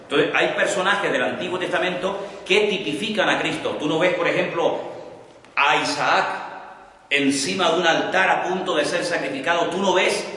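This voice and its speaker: A male pastor teaches a Bible class, repeating his points slowly so people can note them. His voice comes from some distance. It rings out in a big, echoey church hall with a long reverb tail. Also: a little high, sharp tone.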